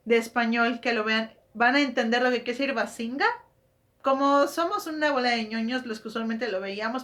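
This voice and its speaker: Her voice is a little high with a fairly bright tone as this woman hosts her book channel. The talk is a relaxed, explanatory monologue, full of self-corrections and rhetorical questions.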